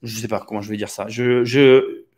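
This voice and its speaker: With a fairly low, darkish voice, steady tone, and normal speed, a man hosts a real estate podcast. He delivers a casual, opinionated monologue, hesitating often, restarting, using many fillers and asking rhetorical questions.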